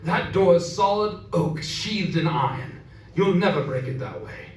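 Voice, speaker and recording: Man playing a high-voiced, solemn man of faith. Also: animated, measured pace. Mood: tense, foreboding. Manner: solemn, incantatory, archaic phrasing. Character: fearful but devout male servant of God, praying against evil. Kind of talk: 1930s-style radio drama acting. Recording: echoey distant room, faint noise.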